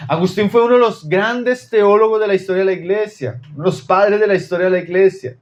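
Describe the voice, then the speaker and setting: High-voiced Chilean preacher. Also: male voice, quick pace. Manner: dramatic preaching, drops to low intense tones for emphasis; addresses listeners as brothers. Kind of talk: sermon.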